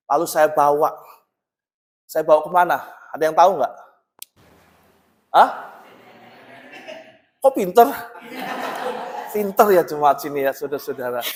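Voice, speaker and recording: A male pastor preaching a sermon, telling a story with lively emphasis and calling out often to the congregation. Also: a little high, measured pace, long pauses. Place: church. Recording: long reverb of a large church hall.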